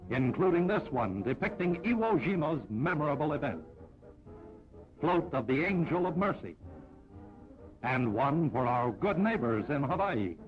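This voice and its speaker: A man narrating an old 1940s newsreel in a brisk, upbeat announcer style. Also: a little high. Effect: old newsreel sound. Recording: dull lo-fi 1940s film audio with music.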